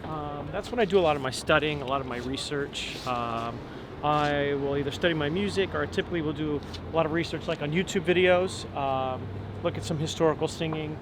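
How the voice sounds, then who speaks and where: Walking outdoors along a city street, a relaxed Long Island man in his forties, an opera tenor, gives a casual interview. He thinks out loud in a fairly high voice, with lots of ums and restarts, while clear traffic and street sounds fill the background.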